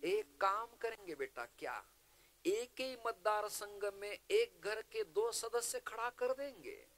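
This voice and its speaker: A man's voice: high-pitched, animated, slow, a bit bright, soft background music, pitched above the performer's own voice, heavily acted. A man voicing a scheming, wheedling royal uncle in a devotional storytelling sermon. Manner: coaxing, sly.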